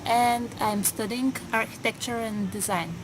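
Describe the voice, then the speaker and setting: A woman of twenty-two, a student answering interview questions slowly, pausing often on fillers. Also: a little high, steady tone. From Bulgaria. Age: 20s. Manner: hesitant, many pauses and fillers. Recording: noisy background.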